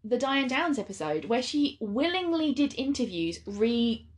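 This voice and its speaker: A woman's voice: on the high side, very animated, a little slow. A woman co-hosting a true-crime podcast, talking casually and trailing off with fillers. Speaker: podcast co-host.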